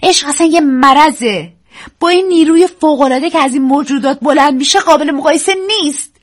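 A woman reading a story, voicing a frightened young woman with high, urgent, anxious lines. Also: natural voice. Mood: anxious, excited.

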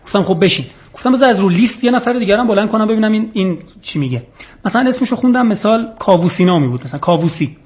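A man's voice: high voice, expressive, a little mellow. A man, a teacher and humor writer, telling a funny classroom anecdote and acting out the dialogue. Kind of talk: comic anecdote.

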